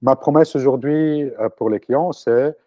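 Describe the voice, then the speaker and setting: An Italian-born entrepreneur in his forties, a native speaker, responds to interview questions in a mellow, medium-pitched, unhurried voice. He hesitates frequently with fillers and restarts; the audio is lo-fi with no echo.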